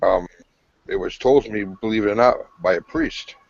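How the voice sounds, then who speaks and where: A man's voice: fairly low pitch, moderate pace, gravelly, no room sound. A man with a Rhode Island accent in casual chat, speaking hesitantly with many ums. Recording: dull, lo-fi voice chat.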